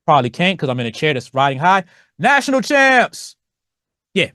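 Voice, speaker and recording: A middle-aged Virginia man hosts a solo podcast, talking very fast in a pushed, bright, mid-range voice. His speech is loose, profane and full of slang, and he acts out quoted voices. The recording is studio quality, with no room sound.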